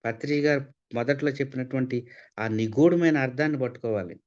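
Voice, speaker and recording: A man's voice: medium pitch, quick pace, darkish tone. A man giving a spiritual talk, asking rhetorical questions and repeating points for emphasis. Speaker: spiritual speaker. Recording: slightly dull lo-fi sound.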